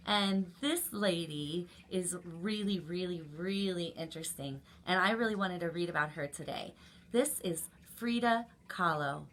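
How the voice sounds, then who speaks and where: An animated woman with a medium-pitched voice leads story time for children, reading to them and addressing the little listeners directly.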